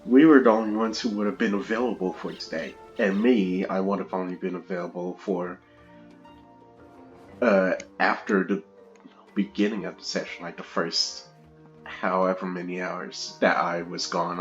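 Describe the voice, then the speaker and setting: A man's voice: low-pitched, fairly even intonation, normal speed, dull audio, faint music behind. A man hosting a casual let's-play, chatting and rambling with frequent laughs through a gaming headset. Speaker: gamer, video host.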